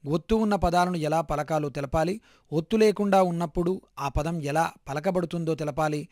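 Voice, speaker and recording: A man reading out a Telugu school lesson plan in a measured, list-like way. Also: a little high, a little mellow, no room sound, clean studio sound. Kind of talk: read-aloud lesson plan.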